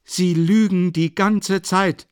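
A man's voice: high voice, fairly even intonation, takes it slowly, clear, resonant tone, no echo, clean studio sound, pitched above the performer's own voice. A man reading an audiobook, voicing a feverish young male student who speaks in a raised, agitated, accusing voice. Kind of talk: audiobook character voice.

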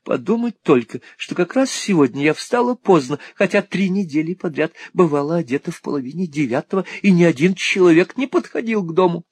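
A man reading an audiobook, voicing a small, lively, lonely spinster painter who talks in a fussy, excitable, teasing way. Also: fairly high pitch, a little fast, hardly any pauses, breathy edge, dry recording, voice pushed up. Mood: flustered. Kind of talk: audiobook character voice.

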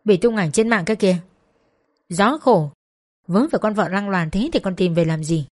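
A woman voicing a spiteful bystander woman who gossips loudly in the street. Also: medium pitch, moderate pace, no echo, studio quality, natural voice.

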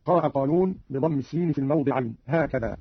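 Man, radio presenter, formal explanation of recitation variants, fast-talking, husky, dry dull lo-fi archival radio sound. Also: medium pitch, dry recording. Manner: brisk, measured, quotes verses in a chanting lilt.

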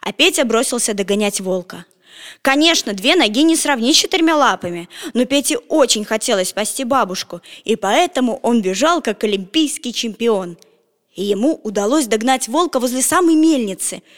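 A woman narrating a children's storybook in an expressive, animated way. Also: fairly high pitch, moderate pace. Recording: long echoing reverb.

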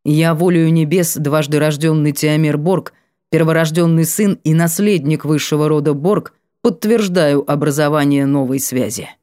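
A woman's voice: low voice, moderate pace, warm tone, pitched below the performer's own voice, natural voice. A woman reading the lines of a serious young male noble heir in an audiobook, who makes a firm, formal declaration.

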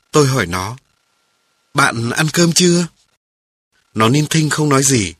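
Man reading his memoir, calm and steady, a bit husky. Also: mid-range voice. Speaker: narrator.

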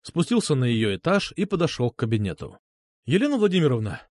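Expressive male audiobook narrator. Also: mid-range voice, a little fast, dry recording, studio quality. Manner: expressive, dramatic reading with lively intonation.

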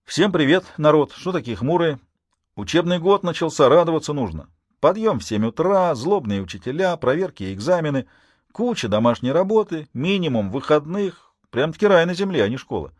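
A man's voice: a little high, big pitch swings, a little fast, dry recording, pitched above the performer's own voice. A man voicing a cheerful teenage schoolboy who banters with mock enthusiasm, in an audiobook recorded in a dry, close space. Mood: joking.

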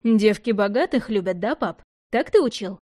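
A sarcastic, sneering eighteen-year-old son, read by a woman in her own mellow voice. He mocks with cold bitterness. The storybook recording is close and dry. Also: medium pitch, animated, normal speed, no room sound, close to an everyday voice. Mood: mocking.

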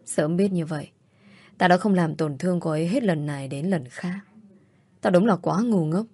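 A woman's voice: on the low side, normal speed, warm tone, husky. Woman voicing a regretful young man. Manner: bitter self-reproach. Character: regretful young man, self-blaming, tearful.

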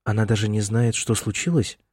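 A man's voice: fairly low pitch, steady tone, a little fast, darkish tone, slightly rough, dry recording, clean studio sound. A male narrator voicing a worried middle-aged mother who keeps fussing over her son in an audiobook. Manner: anxious, insistent and fussing.

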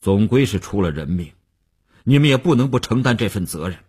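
A man's voice: fairly low pitch, expressive, fairly quick, darkish tone, breathy edge. A man voicing a commanding middle-aged male tycoon under pressure, grave and decisive. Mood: urgent.

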